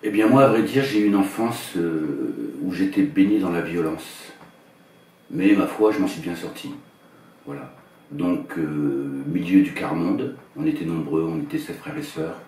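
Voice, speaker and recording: A musician in his fifties from northern France answers questions in a soft, trailing voice and takes his time over every phrase. He sits some way from the microphone in an echoey room. Guitar music plays clearly behind him. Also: unhurried, far from the mic, a little hiss or hum. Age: 50s. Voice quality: quiet, low-key, trailing off. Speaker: musician and singer-songwriter. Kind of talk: soft-spoken interview answers.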